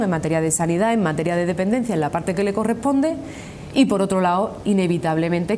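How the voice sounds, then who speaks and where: A woman with an Andalusian accent giving earnest, long-winded answers in a formal political interview as a union representative, repeating points for emphasis. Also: dark tone. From Andalusia, Spain. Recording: noisy with low rumble.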